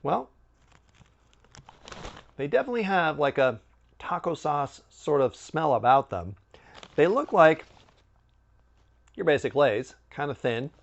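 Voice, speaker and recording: A man hosting a snack review, chatting casually with animated, swooping emphasis. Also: on the high side, a little slow, vocal fry, pauses often, muffled recording. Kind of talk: casual food review chat.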